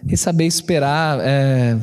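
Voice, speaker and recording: A pastor, telling a personal story in an animated sermon and acting out both sides of a quarrel. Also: male voice, mid-range voice, a little slow, smooth, in a large hall.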